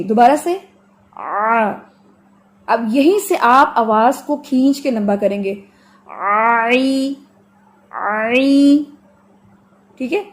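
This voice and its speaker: In an online tajweed lesson, a high-pitched woman teaches how to pronounce Quranic letters. She explains patiently using everyday examples, drawing out sounds slowly so students can copy her.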